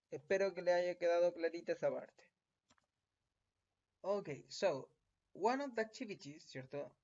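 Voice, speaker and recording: Chilean man, teacher, high-ish voice, slow and patient, dull lo-fi recording. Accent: Chilean Spanish. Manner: patient, checks in often with tag questions. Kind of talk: recorded classroom lesson.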